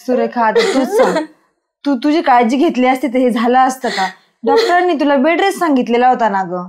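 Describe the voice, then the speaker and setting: A woman's voice: sits high, expressive, a little fast, a little mellow. A woman playing a chiding village friend. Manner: chiding yet comforting. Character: caring village woman scolding and consoling her friend.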